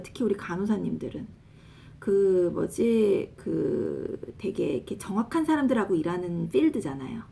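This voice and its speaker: A woman casually coaching pronunciation, drilling words slowly and spelling them out letter by letter. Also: medium pitch, vocal fry, slightly rough. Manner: animated, laughs often. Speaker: English pronunciation teacher, nurse.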